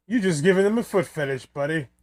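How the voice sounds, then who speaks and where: Male film commentator: fairly high voice, casual, rambling, joking, music underneath. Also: animated, fast. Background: film soundtrack music.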